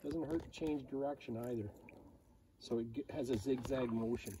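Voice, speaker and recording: A man's voice: medium pitch, fairly even intonation, normal speed, warm tone, far from the mic, slight background noise. A young man in a boat on a lake giving jokey mock fishing instructions. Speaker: fishing companion. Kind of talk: casual fishing vlog chat. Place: small boat on a calm lake outdoors.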